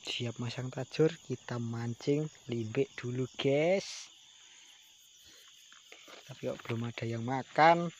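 A fishing vlogger from West Sumatra chats casually to viewers while fishing by rural ditches and streams, relaxed and talkative. His medium-pitched voice moves slowly with frequent pauses, and the poor audio carries faint outdoor noise, rain, and crickets.

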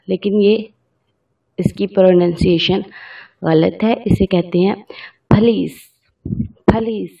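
A young woman teaching pronunciation at a very slow pace, repeating each word deliberately. Her low voice is dark and gravelly. She sounds some distance from the mic. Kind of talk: slow, careful language lesson.

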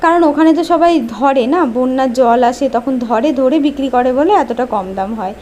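Pregnant woman from West Bengal, high bright voice, chatty cooking narration, faint noise under it. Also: a little fast. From West Bengal, India. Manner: chatty, explains as she cooks. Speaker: village vlogger. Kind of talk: casual cooking vlog chat.

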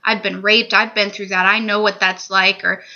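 Speaking at a moderate pace with a flat delivery, a woman in her twenties gives a personal testimony on her vlog, her medium voice sounding pushed and bright. The small-room recording comes from a desk-distance webcam or laptop mic and sounds dull and lo-fi.

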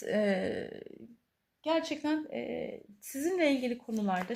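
A woman giving a tarot reading to her viewers, earnest, pausing often with drawn-out fillers. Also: fairly high pitch, slight background noise. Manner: hesitant, many drawn-out fillers, soft and earnest. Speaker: tarot reader.

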